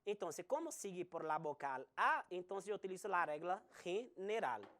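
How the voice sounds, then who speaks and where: A woman teaching a recorded Spanish grammar lesson, slowly spelling out examples. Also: on the low side, big pitch swings, fairly bright tone. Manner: slow, deliberate explanation with spelled-out examples.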